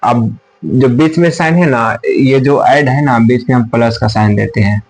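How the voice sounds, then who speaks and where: A man's voice: mid-range voice, unhurried, darkish tone, breathy edge, faint music behind, low-quality recording. A man teaching a math class at a whiteboard, repeating his points and asking and answering his own questions, sometimes turning away from the camera.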